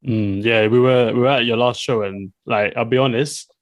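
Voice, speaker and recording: A man's voice: medium pitch, fairly even intonation, normal speed, dry recording. A man, a co-host chatting casually and often asking "do you know what I mean". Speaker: podcast co-host. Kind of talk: casual interview chat.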